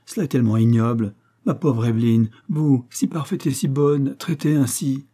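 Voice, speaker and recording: A man's voice: mid-range voice, moderate pace, warm tone, close to an everyday voice. A man doing a flustered English noblewoman. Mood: distressed pleading. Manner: agitated, pleading. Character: English noblewoman, nervous and indignant.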